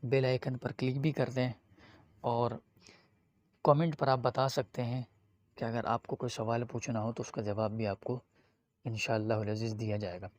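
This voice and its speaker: Man teaching, drawn-out letter recitation. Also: mid-range voice, steady tone, darkish tone, no room sound, clean studio sound. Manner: addresses viewers directly. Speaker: Quran reading teacher. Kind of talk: online lesson.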